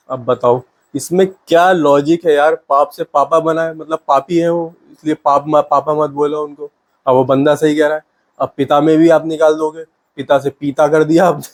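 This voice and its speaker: A man's voice: a little high, a little mellow. A young man giving comic reaction commentary in a casual, amused, disbelieving way, often laughing. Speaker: reaction video host.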